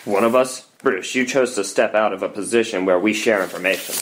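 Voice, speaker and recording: Man playing measured, steadfast Superman. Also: fairly low pitch, lightly acted, low-quality recording. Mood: stern, guarded. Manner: measured, reassuring, formal. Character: Superman, earnest, diplomatic, steadfast superhero leader. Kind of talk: dramatic screenplay table read.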